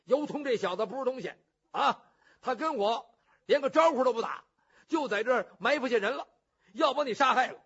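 A male storyteller voicing a brash, boisterous young warrior who shouts and blusters. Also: very high-pitched, lively intonation, a little fast, husky, heavily acted. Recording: muffled lo-fi recording.

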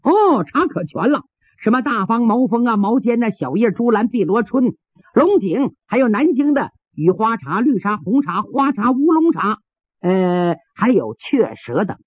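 A man's voice: very high voice, sing-song, moderate pace, breathy edge, no echo, full character voice. A man doing a fawning, chuckling teahouse keeper. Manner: chuckling, ingratiating patter. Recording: tinny phone-like sound, dry.

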